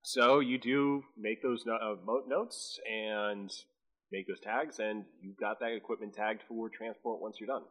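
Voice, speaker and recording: A man's voice: on the low side, measured pace, poor audio. A man running a tabletop role-play game as game master, calling rolls and describing scenes. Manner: animated, laughs easily, restarts often.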